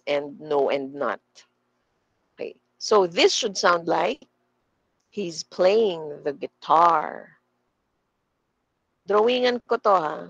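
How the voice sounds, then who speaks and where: Slow gravelly Filipino woman trainer. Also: on the low side, no room sound, rough recording. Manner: slow, deliberate, models pronunciation for the class to repeat. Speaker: corporate trainer. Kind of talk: speaking lesson.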